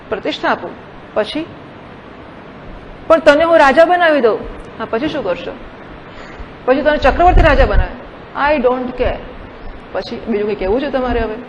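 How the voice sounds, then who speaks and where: A woman spiritual teacher giving a scripture discourse, posing rhetorical questions and mixing in English words. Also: on the high side. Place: large hall at a camp. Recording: dull recording in a reverberant hall with faint noise.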